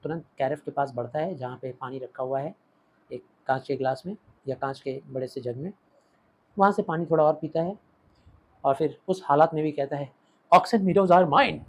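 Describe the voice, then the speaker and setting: A man's voice: medium pitch, normal speed, a little mellow, low-quality recording. A man with an Indian English accent teaching a play, explaining it line by line and moving between Hindi and English. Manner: explains line by line, switching languages. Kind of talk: Hindi-English literature lesson.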